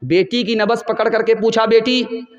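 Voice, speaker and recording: A man's voice: sits high, unhurried, muffled recording. A male preacher giving a sermon full of dramatic stories. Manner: dramatic storytelling with acted quotes. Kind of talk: storytelling sermon. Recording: echoey room.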